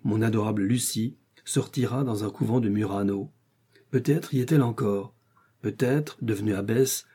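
A man narrating a classic adventure story in the first person, in measured literary storytelling. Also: fairly low pitch, dark tone, husky. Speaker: audiobook narrator. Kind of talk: scripted narration.

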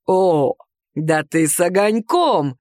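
A woman reading aloud and voicing an arrogant, boorish young werewolf man with a slow, leering, self-assured drawl. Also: fairly low pitch, expressive, darkish tone, no room sound, studio quality, voice pushed down. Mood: smug. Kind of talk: audiobook character voice.

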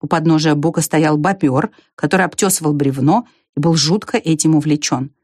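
A woman narrating a children's story in an expressive reading voice. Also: low-pitched, fairly quick, no room sound, studio quality. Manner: expressive, lively.

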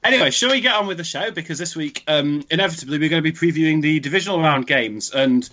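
A man's voice: fairly high pitch, quick pace, sharp tone. A British man hosting a football podcast with dry, self-deprecating humor. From United Kingdom. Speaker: podcast host. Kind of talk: casual podcast chat. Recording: dull lo-fi sound.

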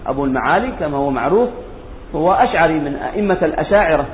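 A high-pitched man reads from a classical text and explains it, going back over the key points more than once. The lesson is recorded in a long, echoing hall. The sound is thin and phone-like. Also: expressive, racing, slight background noise. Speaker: religious teacher.

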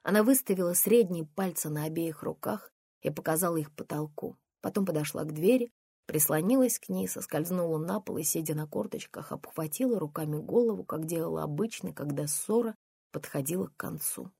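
A woman narrating a first-person memoir as an audiobook, in a quiet, restrained storytelling manner. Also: deep voice, a little fast, creaky, husky, no echo, studio quality.

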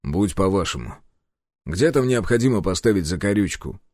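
A man's voice: sits low, animated, moderate pace, a little mellow, dry recording, clean studio sound. Man voicing a blunt, defiant hero. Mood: gruff. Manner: blunt, gruff, defiant, swears. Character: blunt stubborn reluctant man, first-person hero.

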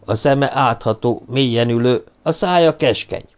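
A man's voice: medium pitch, lightly acted. A man voicing a loyal, aging male assistant who answers deferentially, in an audiobook reading. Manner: deferential, explaining.

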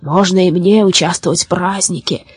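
A woman voicing a sly, wheedling female fox with a hoarse, sugary voice. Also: on the low side, steady tone, normal speed, no room sound, clean studio sound.

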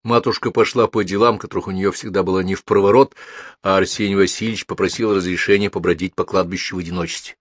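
Male audiobook narrator, low husky voice, calm and measured, dry. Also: no echo.

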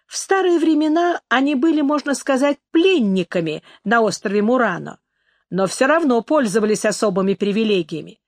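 A wry young man with a dry, ironic way of talking, voiced by a woman reading an audiobook. The voice sits fairly high and is recorded close, with a dry sound and no room echo. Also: expressive, moderate pace, darkish tone.

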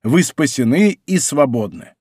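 A man voicing a bold young male musketeer who gives quick, commanding orders. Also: mid-range voice, expressive, a little mellow, breathy edge, no echo, studio quality. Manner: brisk, commanding.

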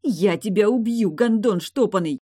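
A woman voicing a furious, sharp-tongued woman on prosthetic legs who shouts and snaps, in an audiobook. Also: on the low side, fairly quick, no echo, clean studio sound, lightly acted. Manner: shouting, snapping.

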